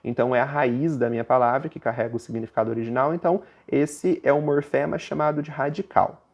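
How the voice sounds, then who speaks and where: A man's voice: fast, vocal fry, darkish tone. A man with a Brazilian Portuguese accent, teaching a recorded grammar lesson and explaining step by step. He often stops to check that the listeners are following. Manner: puts on a student's objection in a higher voice.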